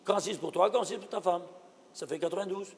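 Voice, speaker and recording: Man, rabbi giving a lesson, very high voice, gravelly edge, exclaims and quizzes the room. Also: racing, in a large hall. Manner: animated, exclaiming, asks the audience questions. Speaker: rabbi teaching. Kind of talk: Torah lesson.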